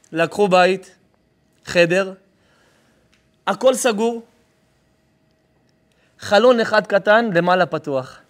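A man's voice: sits high, a bit bright. A rabbi giving a live sermon, telling a story with emphasis and calling to his listeners directly. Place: live lesson before an audience.

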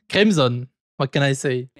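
A VTuber streamer with a medium-pitched voice, recorded dry, tosses off short, chatty remarks while reacting to an anime. Music from the show he's watching plays in the background.

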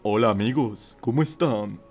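A man whose voice is pitched way down into a slow, deep bird voice in a game. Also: a little mellow, breathy edge, soft background music. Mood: bemused.

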